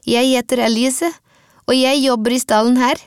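A woman narrator voicing an awkward young female stable hand from Latvia, speaking Norwegian with a Latvian accent in blunt, halting sentences. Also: high voice, fairly even intonation, clear, resonant tone, dry recording, studio quality, pitched above the performer's own voice.

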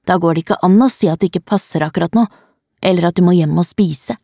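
A woman reading a children's story aloud in the first person, in a calm and even storytelling manner, close to the microphone. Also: on the low side, vocal fry, no echo. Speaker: narrator.

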